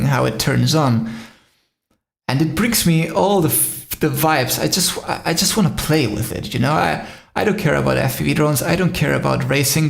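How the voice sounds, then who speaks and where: A man's voice: medium pitch, creaky, reverberant. A man from Spain hosting a casual live stream, rambling with many fillers and answering viewers' comments. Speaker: drone live-stream host.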